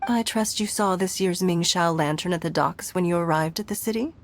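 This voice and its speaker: An actress voicing a composed, courteous woman who leads a city, speaking in a formal, elegant, measured way. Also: lowish voice, background noise, natural voice. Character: poised, courteous adult woman leader of a city. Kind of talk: video game voice acting.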